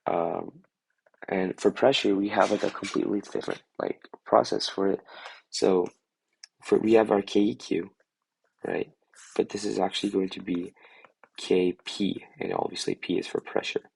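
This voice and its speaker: A young man, hoarse after losing his voice, giving a casual chemistry review and rambling with lots of "like" and "um" as he thinks aloud. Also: low voice, steady tone, normal speed, a little mellow, slight background noise, poor audio. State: hoarse from a lost voice. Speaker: student tutor. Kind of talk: casual chemistry review over a drawing screen.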